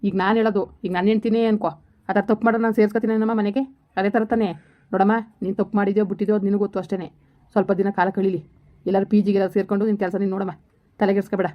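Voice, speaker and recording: A woman playing a police officer who quickly calms and advises a distressed woman in a village family drama. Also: medium pitch, close to an everyday voice. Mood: soothing. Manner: reassuring, fatherly, rapid. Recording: dull lo-fi recording.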